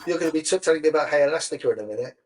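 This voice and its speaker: A man's voice: fairly high pitch, rapid-fire, a little mellow, low-quality recording. A middle-aged man co-hosting a podcast, chatting easily, self-deprecating and laughing often. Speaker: podcast co-host and magazine editor. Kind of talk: casual chat.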